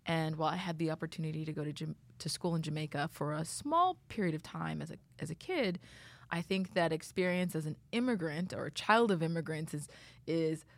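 Low-pitched woman from Canada, articulate. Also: animated, no echo. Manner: measured, articulate. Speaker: guest, tech leader and former attorney. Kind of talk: studio interview. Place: studio.

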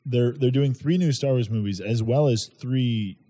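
A man's voice: mid-range voice, normal speed, dark tone. A man co-hosting a casual podcast, teasing the others and sharing news. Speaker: podcast co-host. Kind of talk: casual chat.

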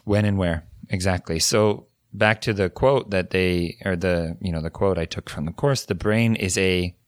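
A deep-voiced native English speaker co-hosts a podcast on language learning, explaining ideas at a moderate pace in a thoughtful, casual way with frequent restarts. The recording is studio quality, with no room sound.

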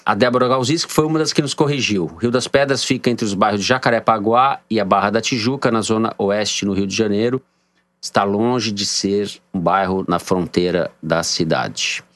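A podcast host with a São Paulo accent banters with his co-hosts on a casual political podcast and reads listener messages jokingly. His voice is fairly low, fairly bright, and at a moderate pace, with no room sound.

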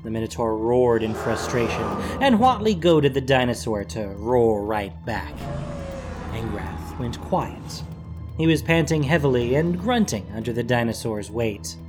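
Story narrator, lively up-and-down voice, music going under it. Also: mid-range voice, a little slow. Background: background music.

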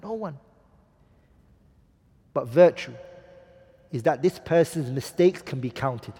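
A man's voice: fairly high pitch, animated, takes it slowly, dark tone, husky, big-room sound. A man teaching a class on marriage, emphatic, asking the students rhetorical questions and quoting Arabic texts. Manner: quotes Arabic hadith and poetry. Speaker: Islamic teacher.

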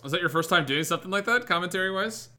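A man hosting a casual podcast, asking questions in a lively, upbeat way. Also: high voice, very fast. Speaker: podcast host.

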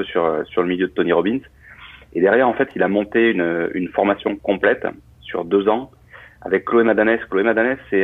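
A man, a coach who used to be a pilot, talks through his training in a loose, explanatory way, full of fillers and restarts. His voice sits low and slightly husky, and he moves at a quick clip. The sound comes through a thin, phone-like line. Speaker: guest, coach and former pilot. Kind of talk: casual interview talk.

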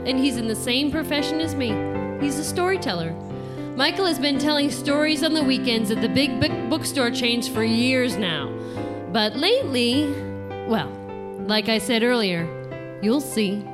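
An actress narrating an audio drama as a teasing storyteller. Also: female voice, high-pitched, animated, moderate pace. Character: female narrator-storyteller, intimate and knowing. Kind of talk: scripted narration. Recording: narration over loud music.

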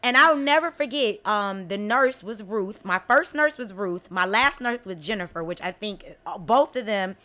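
Bright-voiced, animated, blunt woman. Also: medium pitch, normal speed, few pauses. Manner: animated storyteller, frank and blunt, acts out quotes. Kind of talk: casual chat.

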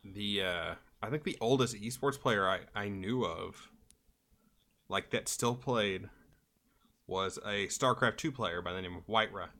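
Blunt young man, lowish voice. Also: a little slow, sharp tone. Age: 20s. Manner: blunt, casual, swears. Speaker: podcast co-host. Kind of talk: casual chat.

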